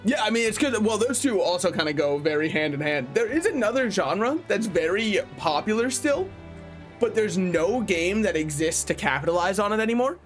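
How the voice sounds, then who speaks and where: Casting: male game streamer, high voice, opinionated and jokey, chatting casually over faint music. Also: animated, moderate pace. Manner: joking, opinionated, conversational, swears. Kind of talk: casual live-stream commentary.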